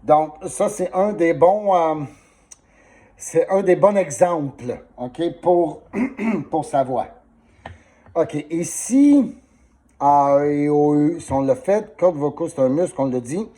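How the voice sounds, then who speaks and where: A man's voice: a little high, expressive, slow, mellow. A man giving a patient singing lesson, coaching and demonstrating vowels while coughing through a sore throat. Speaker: singing teacher. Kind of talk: one-on-one voice lesson.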